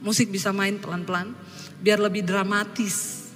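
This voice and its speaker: A woman's voice: mid-range voice, flat delivery, moderate pace, a bit bright. A woman pastor in her forties giving an emotional testimony sermon, addressing the congregation with dramatic storytelling. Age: 40s. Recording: long reverb of a large hall.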